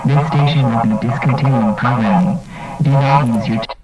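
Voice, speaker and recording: A man announcing an official emergency alert in a steady, measured tone, his voice muffled as if heard through a door. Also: medium pitch, over music. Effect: muffled and distant, as if heard through a door. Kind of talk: formal scripted alert announcement.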